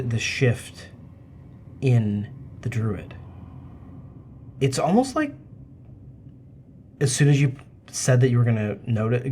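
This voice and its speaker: A man narrating a tabletop role-playing game as game master, in halting, improvised phrases. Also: mid-range voice, darkish tone, slight background noise.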